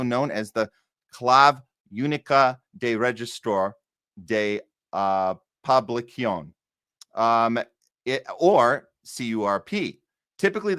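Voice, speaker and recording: A man hosting a news countdown show, reading stories haltingly and dropping in sardonic commentary. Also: medium pitch, fairly bright tone, no echo, clean studio sound. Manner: sardonic asides.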